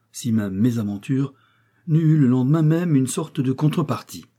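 A man narrates a classic novel in a measured, even audiobook reading. His voice sits low, with a dark, mellow and slightly husky tone. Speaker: audiobook reader.

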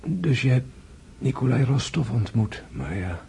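An actor playing a gentle dying nobleman in a radio drama, weary and tender, with weak, halting delivery. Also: medium pitch, sing-song, vocal fry, a little hiss or hum. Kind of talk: literary radio drama acting.

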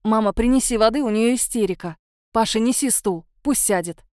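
A woman reading an audiobook voicing a middle-aged mother who shouts urgently and takes command. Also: fairly quick, no room sound, studio quality, close to an everyday voice. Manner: loud, high-pitched, urgent.

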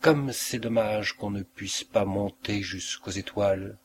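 A man's voice: lowish voice, steady tone, unhurried, slight background noise. A man voicing a pale, dreamy boy of about twelve in a read-aloud story, speaking timidly and apologetically. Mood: wistful.

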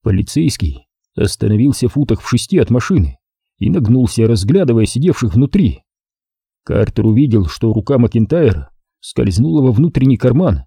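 A male narrator reading a crime thriller aloud with a lively, rising and falling pitch. His voice is mellow and somewhat husky. The recording is dry and close, with no room sound. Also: normal speed, dry recording. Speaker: audiobook narrator. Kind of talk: scripted narration.

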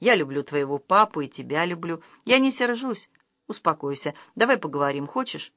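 A woman's voice: low voice, expressive, normal speed, a bit bright, no echo, studio quality. A woman reading the lines of a distressed young stepmother, reproachful and emotional, her voice rising when upset. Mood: shaken.

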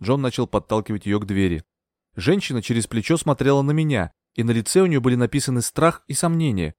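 A man narrating an audiobook in an expressive storytelling manner. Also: medium pitch, fast, no echo, studio quality. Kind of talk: scripted narration.

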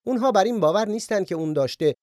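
A man teaching the Bible, retelling scripture scenes with lively quoted voices. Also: high voice, no echo, studio quality.

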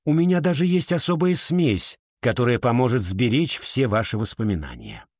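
A man's voice: mid-range voice, big pitch swings, moderate pace, a little mellow, no echo, studio quality. A man reading aloud, voicing a guarded, evasive older woman who owns a perfume shop in a storybook.

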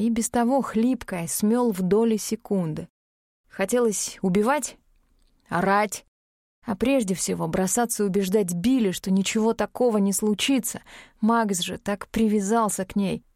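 A woman narrating an audiobook in an even, clear storytelling manner. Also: medium pitch, measured pace, no room sound, studio quality.

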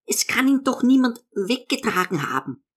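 A male narrator voicing a tense, sharp-tongued older daughter, speaking in clipped, shrill bursts under strain. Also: very animated, moderate pace, full character voice.

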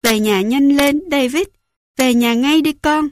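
A woman's voice: on the high side, a little slow, slight background noise, lightly acted. A woman reading the lines of a distraught mother who pleads tearfully and urgently with her son. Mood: sobbing.

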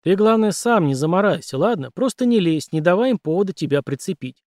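A man's voice: high-pitched, lively intonation, brisk, darkish tone, dry recording, studio quality, pitched above the performer's own voice. A man voicing a tough, blunt male police officer who gives his partner orders in an audiobook. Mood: urgent. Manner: gruff, commanding, blunt. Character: tough, determined male street cop.

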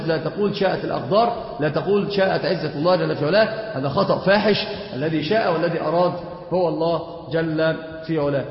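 Fast-talking man lecturing in echoey hall. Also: a little high. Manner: questions students and answers himself. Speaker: Islamic teacher. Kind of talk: classroom lecture on creed. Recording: echoey hall, dull lo-fi sound.

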